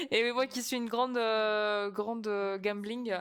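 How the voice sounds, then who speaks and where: Chatty excitable young woman streamer. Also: a little high, takes it slowly, smooth. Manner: excitable, chatty, many restarts and gasps. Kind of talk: casual gaming stream chat.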